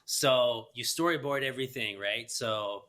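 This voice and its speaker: Guy hosting a podcast, rambly and laughy, bright voice, middle pitch. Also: a little slow. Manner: chatty, rambling, laughs often. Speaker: podcast host. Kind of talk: casual interview chat.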